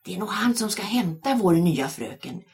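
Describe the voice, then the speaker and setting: A gossipy schoolgirl in a children's audiobook, put on by a woman reader. She whispers her remarks to a classmate with sly interest. Her voice stays quiet and close. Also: mid-range voice, expressive, pitched above the performer's own voice, natural voice.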